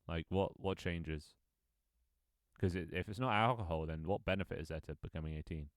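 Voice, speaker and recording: Here a man in his twenties chats casually with viewers while streaming his own game, full of ums and restarts, reading chat aloud as he rambles. He has a deep voice at normal speed, captured in a dry, clean studio recording.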